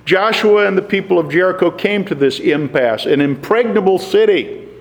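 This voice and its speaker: Man, preacher, sermon, measured emphasis, gravelly, reverberant sanctuary. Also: high voice. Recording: long hall reverb.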